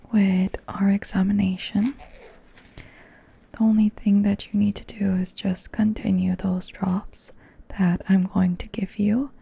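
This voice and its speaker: Woman playing a whispering gentle doctor. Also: medium pitch, heavily acted. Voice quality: breathy. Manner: soft unvoiced whisper. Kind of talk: ASMR roleplay.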